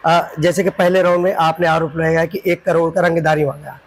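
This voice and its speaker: High-voiced probing interviewer. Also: male voice, flat delivery, brisk, poor audio. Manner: probing, hesitant fillers. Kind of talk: interview questions.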